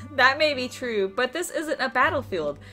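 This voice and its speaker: A woman's voice: high-pitched, animated, moderate pace, bright, forceful tone. A woman plays a visual novel and reads it aloud with drama. She comments on it casually and giggles as she goes, over background game music. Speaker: let's player reading a visual novel aloud. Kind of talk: casual playthrough with dramatic narration.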